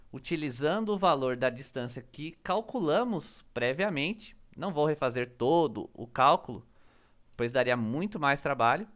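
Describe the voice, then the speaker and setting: A physics teacher talks through a solved problem one step at a time. His pitch moves around a lot as he reads out each calculation. The delivery is methodical, term by term. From Brazil. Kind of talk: step-by-step worked-problem explanation.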